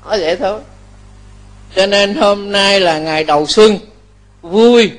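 A Buddhist monk, his voice fairly high for a man and unhurried, delivers a Dharma talk sermon. He preaches in a lively storytelling style and often checks that his listeners agree.

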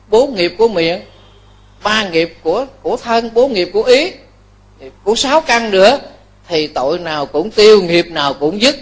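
Nhà sư giọng cao, giảng pháp sôi nổi. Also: male voice, sits high. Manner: lively storytelling, chuckles, asks listeners to agree. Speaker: Buddhist monk preacher. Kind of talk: Dharma talk sermon.

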